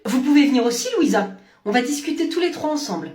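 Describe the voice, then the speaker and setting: A woman's voice: high voice, lively intonation, quick pace, a little mellow. A woman playing a strict, rule-bound female boss and office clerk who speaks curtly. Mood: stern. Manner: stern, rule-bound, curt. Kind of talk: comedy skit acting.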